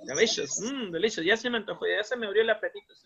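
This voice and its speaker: Fast and high, with vocal fry and a fairly bright, slightly rough tone, this man teaches English to young children in a Peruvian Spanish accent. He is a primary school teacher leading a bilingual lesson, cheerfully going back and forth between languages and repeating words. The audio is lo-fi and muffled.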